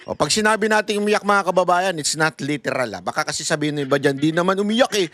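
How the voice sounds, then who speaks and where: High-voiced man mocking politicians. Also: steady tone, fast, a bit bright. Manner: mocking, laughs often, addresses viewers as countrymen; mixes English phrases into talk. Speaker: political commentator. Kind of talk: casual political commentary.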